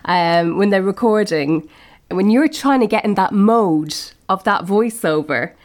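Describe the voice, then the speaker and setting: A woman's voice: mid-range voice, a little slow. A woman co-hosting a presenter training podcast, animatedly recounting a frustration in casual chat. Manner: animated, exasperated storytelling. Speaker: podcast co-host.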